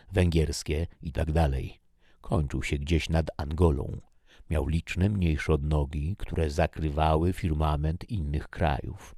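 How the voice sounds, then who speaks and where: A man narrating a story in a measured, even audiobook reading. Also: extremely low pitch, no room sound, clean studio sound.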